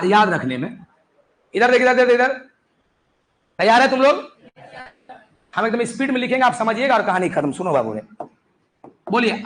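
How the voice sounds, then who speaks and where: Brief: young male chemistry teacher, high and lively voice, classroom lecture with faint background noise. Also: poor audio. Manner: animated, coaxing students, repeated calls to listen.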